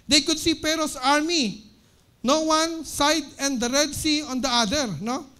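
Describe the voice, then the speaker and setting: A woman with a Filipino accent preaching a sermon in a church service, mixing Tagalog and English, tagging phrases with "no?" and reading Bible verses slowly and emphatically. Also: high voice, steady tone, bright, forceful tone. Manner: Taglish, frequent tag "no?" after phrases.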